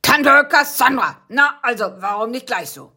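A woman's voice: a little high, expressive, measured pace, bright, forceful tone, breathy edge, voice pushed up, exaggerated voice. Woman doing a growling wasp guard. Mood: gruff, threatening. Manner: growling, threatening. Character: gruff male wasp gate guard.

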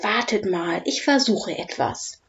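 A woman's voice: medium pitch, animated, a little slow, muffled recording, close to an everyday voice. A woman doing a cheeky little dragon boy. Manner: hissing and whispering at times, cheeky. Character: small clever young dragon boy, cheeky.

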